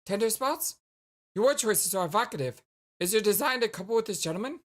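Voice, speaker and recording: A woman's voice: mid-range voice, animated, a little fast, close to an everyday voice. A woman voicing a witty, haughty girl in a game, speaking in dry, pompous, elaborate sentences. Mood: sardonic. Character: witty, haughty, sardonic girl with an analytical streak.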